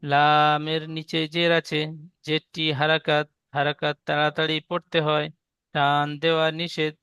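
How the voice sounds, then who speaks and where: A man teaching a Quran reading class, spelling out letter sounds in a slow, patient, repetitive drill. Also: a little high, completely flat delivery, bright, forceful tone, smooth, dry recording.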